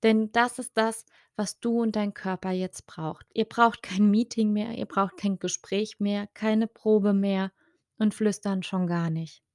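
A woman speech and voice coach hosting her podcast, giving calm, gentle advice straight to the listener. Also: mid-range voice, no room sound, clean studio sound. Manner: slow, gentle, addresses listener directly.

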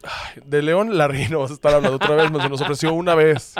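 Playful man hosting a chatty podcast, slightly higher pitch. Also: fairly even intonation, a little fast, no room sound. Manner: playful, joking, laughs a lot. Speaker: podcast host. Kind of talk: casual comedic chat.

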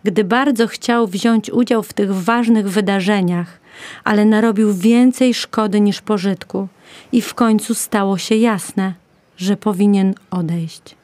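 A woman narrating a children's story in a gentle, measured way. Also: mid-range voice, fairly even intonation, no echo.

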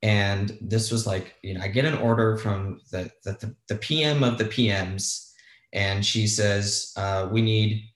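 A man's voice: fairly low pitch, unhurried, a bit bright, roomy sound. A man, a guest on a talk show, telling a story casually, candid and self-deprecating, with some swearing. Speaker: guest, former bond trader.

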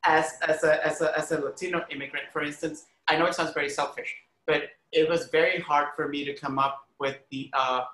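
A Honduran man, an arts critic and educator appearing as a podcast guest, speaks earnestly and emphatically in a conversational interview, sharing personal stories and often saying "like" and "you know." His voice is a little high with a steady tone and a sharp edge, and he talks fairly quickly with few pauses. The recording is rough, with a roomy sound.

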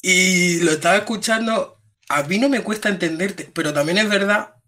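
A man's voice: high-pitched, moderate pace, sharp tone. A man with an Andalusian Spanish accent co-hosting a casual tech podcast chat, joking and swearing freely. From Andalusia, Spain. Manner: chatty, swears casually, jokes with his co-host. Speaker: podcast co-host.

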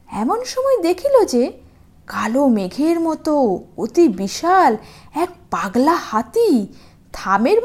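High, sing-song woman reading children's stories. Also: a little mellow. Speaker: storyteller hosting a children's channel. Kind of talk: expressive storybook reading for children.

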